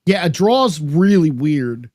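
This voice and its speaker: A man with a somewhat high voice co-hosts a casual wrestling podcast, firing off speculative questions and slangy asides. His voice sounds close and dry, with no room around it. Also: sing-song, slow pace, darkish tone, dry recording. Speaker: podcast co-host. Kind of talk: casual wrestling recap chat.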